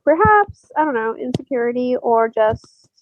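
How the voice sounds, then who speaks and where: A young woman from Algeria, speaking in a fairly high voice. She tells her story casually and hesitantly, with many fillers and small laughs. The sound is dull and lo-fi, with a dry, close feel. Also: animated, normal speed, dry recording. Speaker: podcast guest. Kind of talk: casual interview chat.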